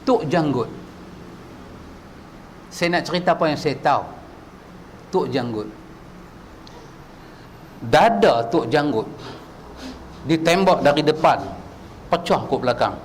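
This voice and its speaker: High-voiced preacher firing rhetorical questions. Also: male voice, expressive, slow, long pauses, slight background noise. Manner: rhetorical questions, swings from low asides to high shouted peaks. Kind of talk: religious lecture. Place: mosque prayer hall.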